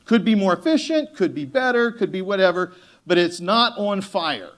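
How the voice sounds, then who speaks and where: Animated, jokey male conference speaker. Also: high voice, normal speed. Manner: animated, jokey, acts out quoted voices. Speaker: keynote speaker. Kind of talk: motivational conference talk.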